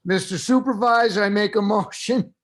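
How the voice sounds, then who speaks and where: A man doing a halting, Greek-tinged mock speech. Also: sits high, natural voice. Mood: mock-formal. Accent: put-on Greek-tinged English. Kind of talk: joking impression during a virtual meeting. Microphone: video call.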